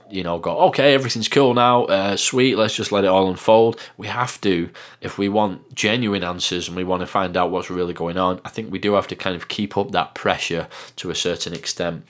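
A man's voice: sits low, a bit bright. A middle-aged man with a northern English accent, hosting a podcast in a rambling casual monologue full of fillers and restarts. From northern England. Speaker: podcast host.

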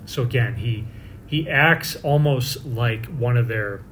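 A man's voice: slow, a bit bright. A man speaking as a priest at Mass, giving scripture readings and an informal homily in a plain manner. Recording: clear background noise with low rumble.

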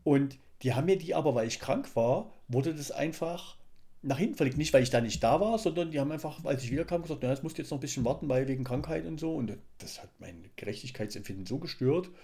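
A man's voice: medium pitch, lively intonation, fast, warm tone. A man in casual podcast talk, reflective and hesitant, often restarting his sentences. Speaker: podcast co-host. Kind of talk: casual chat.

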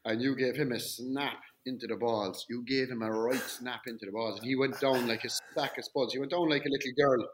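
A man hosting a casual chat, full of lively, slangy banter and the odd swear. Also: medium pitch, brisk, hardly any pauses, a little hiss or hum.

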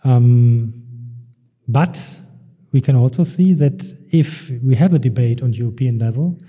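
A man, a non-native English speaker, answering interview questions in a hesitant, halting way, searching for words as he explains his work. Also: medium pitch, husky, narrow, tinny audio. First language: not English. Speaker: interview guest working in European youth work.

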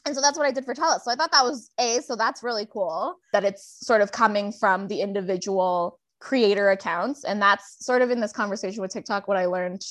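A woman co-hosting a podcast, chatting excitedly and laughing often. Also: mid-range voice, brisk, hardly any pauses. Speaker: podcast co-host. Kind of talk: casual chat.

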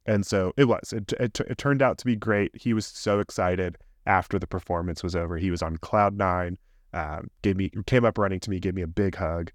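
Low-voiced dad telling a candid story. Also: male voice, normal speed, no echo, clean studio sound. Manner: rambling, candid storytelling with laughs. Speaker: podcast co-host. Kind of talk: casual chat.

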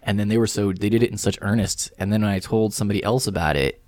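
A man co-hosting a casual podcast, telling rambling, animated stories. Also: lowish voice, fast, dry recording. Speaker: podcast co-host. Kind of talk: casual chat.

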